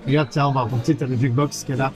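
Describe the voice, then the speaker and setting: Talking very fast over music, a man with a medium-pitched, fairly even voice hosts a casual diner vlog. He reads an American-style diner's menu with many hesitant fillers and teases his companion playfully and affectionately.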